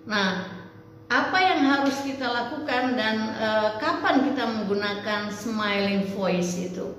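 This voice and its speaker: Woman lecturer in an echoey room. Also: fairly high pitch. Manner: slow, deliberate teaching with frequent fillers. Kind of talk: online lecture. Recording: echoey roomy sound with faint noise.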